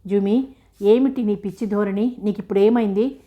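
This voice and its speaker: A woman's voice: medium pitch, moderate pace, narrow, tinny audio, close to an everyday voice. A woman voicing a lovesick, anguished young man who pleads emotionally. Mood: pleading.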